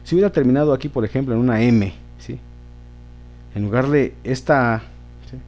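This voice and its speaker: A man's voice: medium pitch, a little fast, a little mellow. A man teaching a grammar lesson, patiently repeating words and checking in with his listeners.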